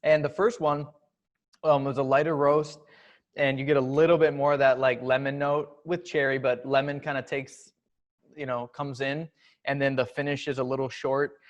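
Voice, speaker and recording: A man's voice: medium pitch, moderate pace. A man hosting, casually explaining how a chocolate bar was developed and what subscribers get. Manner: relaxed, explanatory. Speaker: host. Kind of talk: casual product talk.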